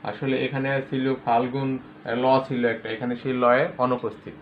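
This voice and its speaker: A man teaching a grammar lesson to school students, patiently explaining and repeating example words with loud stress. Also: medium pitch, little pitch movement, moderate pace, slight background noise. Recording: tinny lo-fi phone-like recording.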